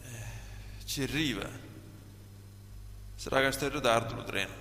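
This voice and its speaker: A man's voice: medium pitch, measured pace, gravelly, sharp tone. A man voicing a crude, cocky southern Italian from Puglia who banters bluntly in dialect, in a comic film dub. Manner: vulgar, blunt street banter. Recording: echoey hall, faint hum and noise.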